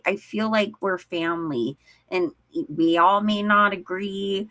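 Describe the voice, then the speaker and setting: A woman's voice: fairly low pitch, fairly bright tone. A woman co-hosting a live stream, chatting casually with a Valley-girl lilt and lots of "like". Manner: chatty, laughs often, says "like" a lot. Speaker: co-host of a live stream show.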